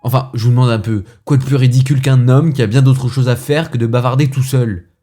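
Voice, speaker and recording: A man playing a fussy, indignant gentleman who rants with theatrical asides, as in a comic stage monologue. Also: medium pitch, steady tone, brisk, voice pushed up, natural voice. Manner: huffy, ranting, theatrical asides.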